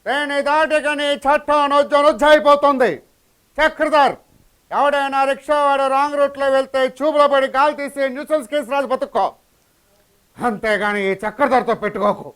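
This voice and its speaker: A man in a comedy skit playing an eager would-be mimicry artist who bursts into loud, shouted movie-hero dialogue. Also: very high voice, fairly even intonation, a little fast.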